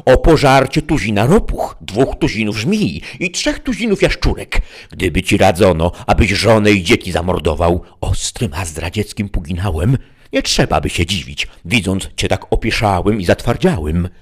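A man's voice: low voice, normal speed, slightly rough. A man voicing a bold, scornful young woman in silver veils who scolds harshly. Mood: scornful scolding.

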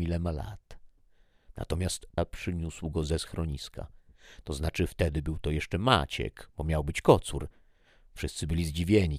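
A man narrating a first-person story in a measured, reflective way. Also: extremely low pitch, darkish tone, no room sound, studio quality.

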